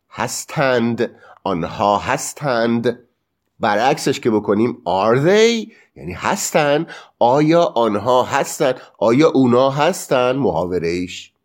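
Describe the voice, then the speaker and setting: Male English teacher, lively pitch, slow drawn-out model phrases, rising questions. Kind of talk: English grammar lesson in Persian.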